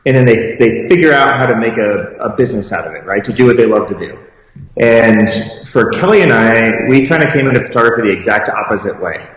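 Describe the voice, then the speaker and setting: A man's voice: on the low side, lively intonation, fairly quick. A man, a photographer and business owner, speaks earnestly on a video-call interview from a conference room so echoey he sounds like he is in a cave. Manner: earnest, thinking aloud with fillers. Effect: cave-like echo of a large empty conference room. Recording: cavernous echo, long hall reverb.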